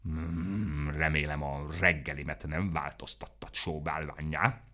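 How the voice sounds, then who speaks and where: A man's voice: a bass voice, fairly even intonation, bright, forceful tone. A man voicing a grumbling, always-hungry maned beast who groans his words.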